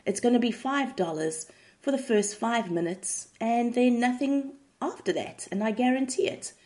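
A woman voicing a blunt, impatient male therapist in a retold comedy sketch, speaking curtly and deadpan. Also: a little high, normal speed, voice pushed up, lightly acted.

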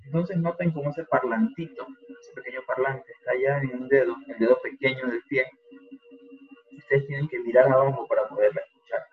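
A man leading a group through a guided relaxation exercise as a workshop facilitator, talking calmly and slowly, with coaxing repetitions. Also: mid-range voice, narrow, tinny audio. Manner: calm, slow and coaxing, with repetitions.

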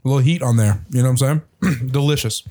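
Casting: playful male co-host, teasing, middle pitch. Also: fast talker, mellow. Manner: joking, teasing banter. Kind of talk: casual chat.

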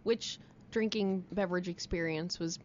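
A woman's voice: lowish voice, fairly even intonation, normal speed, muffled recording, a little hiss or hum. A young woman co-hosting a podcast in a studio, teasing and playful. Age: young adult. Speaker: podcast co-host. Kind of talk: casual chat. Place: radio studio. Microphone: studio mic.

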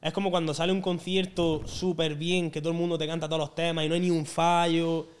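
Fast-talking young man. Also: on the high side. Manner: animated, slangy, acts out quotes. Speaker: guest singer. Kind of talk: casual podcast storytelling.

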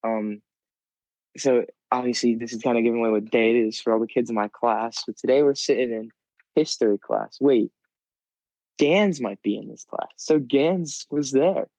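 A man's voice: medium pitch, moderate pace, a little mellow, no room sound, low-quality recording. A teenage boy co-hosting a podcast, telling a long rambling story full of fillers and restarts. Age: teens. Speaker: podcast co-host. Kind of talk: casual chat.

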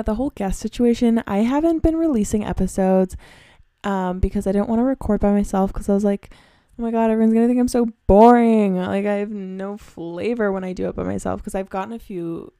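A woman's voice: medium pitch, creaky, warm tone, no echo, studio quality. A young woman hosting a solo podcast, telling stories in a chatty, self-deprecating, giggly way. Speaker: podcast host. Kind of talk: casual solo storytelling.

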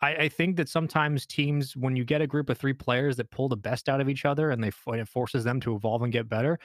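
A man on an esports panel making his case in an animated, rapid-fire way. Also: medium pitch, no room sound, clean studio sound. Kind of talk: casual panel discussion.

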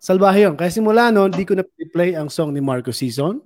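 A woman's voice: on the low side, animated, brisk, darkish tone. Chatty woman show host. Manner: teasing, chatty storyteller. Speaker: radio host. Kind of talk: casual chat.

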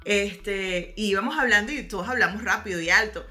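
A Venezuelan woman chatting casually on a podcast, telling lively stories about her life abroad. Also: mid-range voice, fairly quick, over music. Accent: Venezuelan Spanish. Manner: lively storytelling, acts out quoted voices. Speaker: podcast guest. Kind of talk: casual chat.

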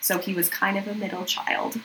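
A woman's voice: mid-range voice, flat delivery, moderate pace, sharp tone, a little hiss or hum. A young woman co-hosting a casual true-crime podcast, laughing often, swearing and filling her talk with "like" and "um". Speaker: podcast co-host. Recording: echoey room.

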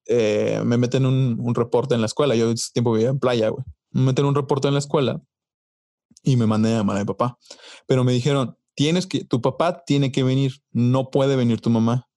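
A man's voice: mid-range voice, no room sound, clean studio sound. A young man with a Mexican accent, hosting a casual podcast chat and telling childhood stories with lots of acted-out quotes and casual swearing. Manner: animated storyteller, acts out quotes, swears casually. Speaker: podcast host.

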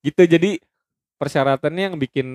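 A man's voice: on the high side, fairly quick, a little mellow, no echo. Casual young Jakarta man, dry close sound. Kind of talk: casual chat in Jakarta slang.

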